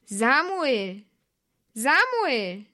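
A woman voicing God in a storybook, with a solemn, unhurried voice that sounds set back and distant. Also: high-pitched, big pitch swings, bright, forceful tone, dry recording, studio quality, voice pushed up, exaggerated voice. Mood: calling. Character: God, a calling voice from afar.

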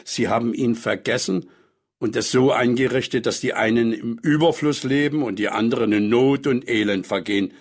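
A man reading aloud, voicing a frail, hoarse old man who keeps coughing and gently lectures children. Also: medium pitch, natural voice. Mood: gentle, earnest. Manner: slow, gentle, preaching to children.

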